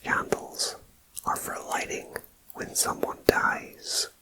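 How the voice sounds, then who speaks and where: An ASMR host whispering a list of facts in a slow, soft voice and adding chatty personal asides, recorded on a binaural ear-to-ear microphone. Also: poor audio. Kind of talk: whispered ASMR fact reading.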